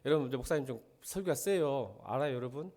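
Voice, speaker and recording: Middle-aged pastor guy preaching, pitch jumps all over, scolds the church, asks them stuff straight out. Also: animated, fast. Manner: blunt, scolding preacher who swings from quiet to shouting; talks directly to the congregation with rhetorical questions. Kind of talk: sermon.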